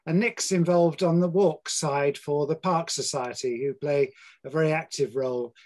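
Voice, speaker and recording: Over a webcam call, an older man hosts and interviews, introducing a community programme and its guests in a plain, friendly presenting style. His voice is fairly high and steady, at normal speed, with a slightly mellow quality.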